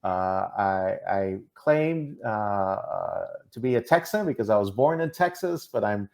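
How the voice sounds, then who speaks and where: A Minnesota man guests on a podcast, chatting casually in a Minnesotan accent while he hesitates, restarts and fills gaps with fillers. His voice is fairly low and darkish, with lively intonation and an unhurried pace.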